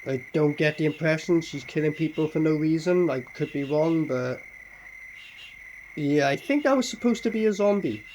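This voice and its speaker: A man's voice: on the high side, expressive, moderate pace, a little mellow, slight background noise. A man giving casual, mocking running commentary on a film, sarcastic and full of swearing. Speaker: horror film reviewer reacting while watching.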